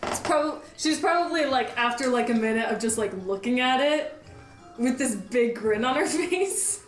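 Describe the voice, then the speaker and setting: A woman's voice: sits high, expressive, moderate pace. A woman playing a tabletop game, giggling often and talking animatedly about her character. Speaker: player. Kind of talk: casual tabletop play. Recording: roomy room with music behind.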